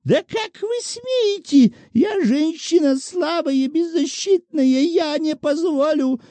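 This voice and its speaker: A man voicing a shrill, wheedling old woman petitioner in a high falsetto. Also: animated, slow, warm tone, dry recording, full character voice. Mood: indignant.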